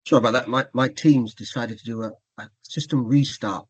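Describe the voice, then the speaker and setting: A man's voice: mid-range voice, steady tone, brisk, dry recording, muffled recording. A man, a webinar presenter talking on a video call, making brief, casual asides.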